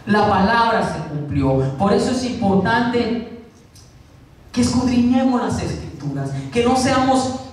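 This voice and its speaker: A man's voice: very high-pitched, animated, a little slow, heavy reverb, distant mic, poor audio. A man preaching a sermon as pastor, repeating key lines and acting out quotes. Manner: preaching with repetition and acted-out quotes. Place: church.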